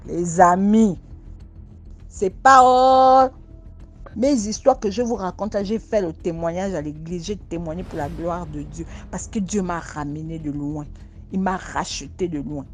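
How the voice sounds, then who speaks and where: A woman's voice: fairly low pitch, moderate pace, faint music behind. A woman dramatically telling her own supernatural experience as a testimony, acting out sounds and pleas. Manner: animated, acts out sounds and pleas, slips into sobbing. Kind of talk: dramatic first-person testimony.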